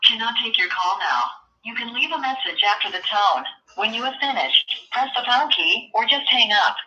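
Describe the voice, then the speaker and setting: A woman's voice: a little high, lively intonation, normal speed, bright, forceful tone. Female automated voicemail voice, heard over a dull landline phone line, evenly paced prompts. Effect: heard through a landline phone line. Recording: thin, muffled phone line.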